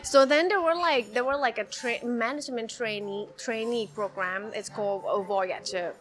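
Thai woman guest in a casual chat, highish voice, halting, repeats her words a lot. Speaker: interview guest.

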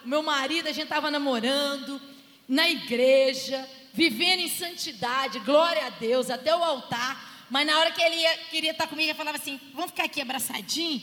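A woman co-leading a church marriage talk, telling lively stories and laughing as she preaches. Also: sits high, moderate pace. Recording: echoey hall with long reverb and faint noise.

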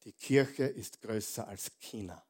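A man preaching a sermon as a pastor, emphatic and animated, throwing rhetorical questions to the congregation. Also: lowish voice, unhurried, husky.

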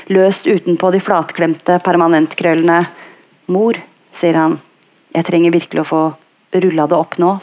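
Woman giving a slow literary reading. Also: fairly low pitch, a little mellow. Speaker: author reading aloud.

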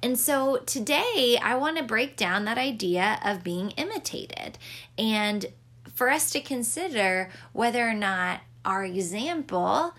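A woman's voice: a little high, lively intonation, unhurried, a bit bright. A young woman, a mother, giving a devotional talk in an earnest, reflective way with touches of light humor.

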